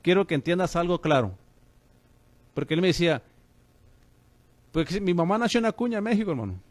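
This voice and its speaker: A man's voice: high voice, lively intonation, fairly quick, no echo. A man preaching on the radio as a pastor and host, fervent and calling listeners brother.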